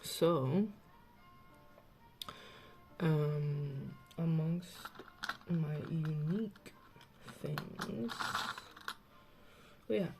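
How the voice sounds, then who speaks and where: Woman, slight lisp, low voice, unhurried, rambling casual vlog chat, faint music behind. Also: fairly even intonation. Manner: rambling, chatty, with many fillers.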